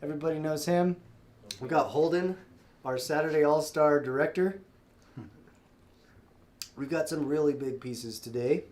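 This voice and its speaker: Congested from a cold, this man runs a live-stream sale with loose, friendly chatter, rambling and restarting often with plenty of fillers. He has a fairly high, darkish voice, talks at a normal speed, and pauses often.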